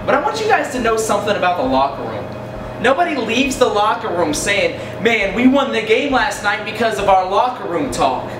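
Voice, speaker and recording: A young man, a youth pastor, giving a short motivational talk to the camera, earnest and building to excited emphasis. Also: sits high, background noise. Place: school locker room and long hallway, indoors. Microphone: camera a few steps away, no mic seen. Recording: roomy, distant sound with music underneath.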